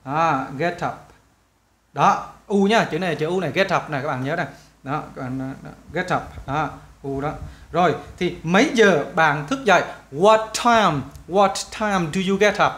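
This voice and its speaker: A man teaching English to schoolchildren in a casual, chatty walkthrough, often repeating phrases and spelling out English questions slowly; his first language is Vietnamese. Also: on the high side, fairly bright tone.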